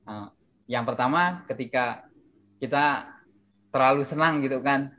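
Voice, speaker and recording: A young man in his twenties asks a long question at a church discussion. He hesitates and fills his pauses often, with a mid-pitched voice. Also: bright, forceful tone. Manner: hesitant, many fillers. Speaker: audience member asking.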